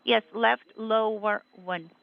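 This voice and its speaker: A woman's voice: a little high, steady tone, slow pace, vocal fry. A woman astronaut speaking over a space-to-ground radio communicator, carefully relaying and interpreting crew calls in radio procedure talk. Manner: careful, step-by-step relaying with hesitations. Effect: space-to-ground radio communicator sound. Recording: muffled radio downlink.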